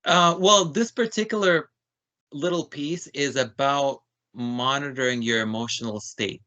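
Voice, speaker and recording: A man's voice: mid-range voice, measured pace, pushed and bright. A man co-hosting a podcast, explaining ideas in a casual, conversational way. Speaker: podcast co-host.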